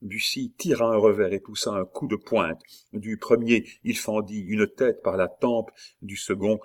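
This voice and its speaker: A man reading a classic novel aloud as an audiobook narrator, steady and measured. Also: lowish voice.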